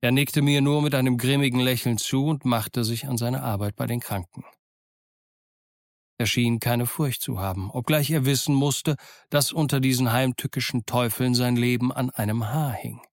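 Reading scripted narration from a novel, this man keeps a steady, measured storytelling style. He speaks in a mid-range voice, captured dry in a clean studio.

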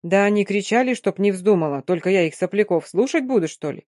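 A woman voicing an old Romani nomad woman, loud, scolding and emphatic, in an audiobook. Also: mid-range voice, animated, fairly quick, no room sound, clean studio sound, lightly acted. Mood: fierce.

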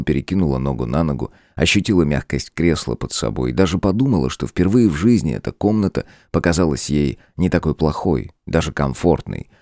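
A man narrating a fantasy audiobook in an expressive storytelling manner. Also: rumbling low, dry recording, clean studio sound. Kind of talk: scripted narration.

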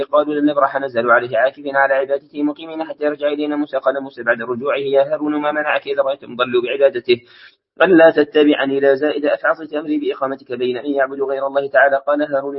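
A man reading Quranic commentary aloud as a religious teacher, in a quick monotone recitation with brief self-corrections, on a dull lo-fi recording. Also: medium pitch.

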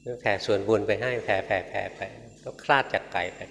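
A man, a Buddhist monk, giving a Dhamma talk in a conversational, gently humorous storytelling manner. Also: on the low side, steady tone, a little fast. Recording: reverberant hall with faint noise.

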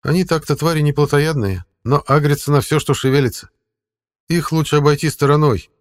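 A man's voice: on the high side, fairly quick, pitched above the performer's own voice, lightly acted. A man voicing a sardonic male talking cat who mentors the hero in a scolding, mocking way. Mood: bossy. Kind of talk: audiobook character voice.

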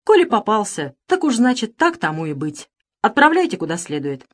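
A woman voicing a calm, insolent male valet who speaks in an unruffled, sneering way. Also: medium pitch, normal speed. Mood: mocking.

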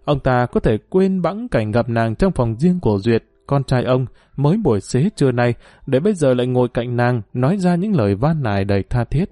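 A man narrating a story in a measured, emotive reading. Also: medium pitch, lively intonation, dark tone, no room sound, studio quality. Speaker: audiobook narrator.

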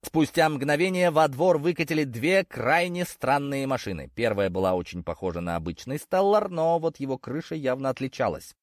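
A man reading a first-person audiobook in a wry, deadpan manner. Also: mid-range voice, normal speed, hardly any pauses, no room sound, studio quality. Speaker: narrator.

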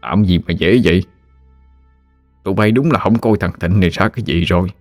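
A man's voice: low-pitched, brisk, darkish tone, faint music behind. A man voicing a smug, scheming rich young man who sneers at the lovers. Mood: sneering.

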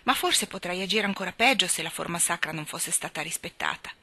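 A woman's voice: on the low side, lively intonation, a little fast, sharp tone, dry recording, heavily acted. A woman reading the part of a timid, devout young woman who speaks fearfully, in an audiobook story. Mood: earnest. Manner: fearful, pleading.

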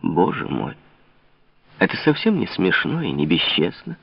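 Male reader as an icy, mocking monarch, low and deliberate, lively, dull recording. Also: gravelly, slight background noise, exaggerated voice. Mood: cold mocking. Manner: cold, low, measured sarcasm. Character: cold, mocking king, grown man.

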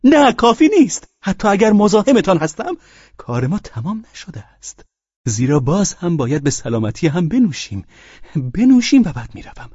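A man voicing a drunk, excitable, fawning middle-aged husband who pleads and insists in a high, strained, husky voice for an audiobook. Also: no room sound, dull audio, full character voice. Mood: insistent.

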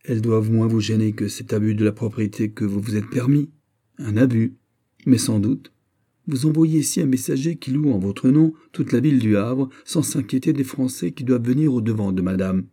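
A man's voice: mid-range voice, normal speed, mellow, natural voice. A man reading aloud, voicing a proud, stiffly polite young French count in an audiobook. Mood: polite, firm.

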